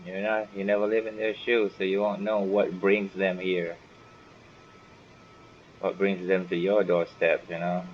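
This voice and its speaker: His voice sits low with little pitch movement, and he keeps a measured pace. The gaming host thinks aloud and mutters in casual commentary as he plays, captured through a dull, faintly noisy lo-fi mic.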